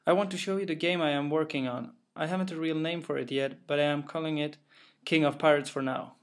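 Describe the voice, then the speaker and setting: A young Swedish game developer narrates a walkthrough of his own game in English with a clear Swedish accent, matter-of-fact and unshowy. His voice is slightly higher than most men's, steady in tone and brisk, and he explains carefully with small fillers and a little hesitation.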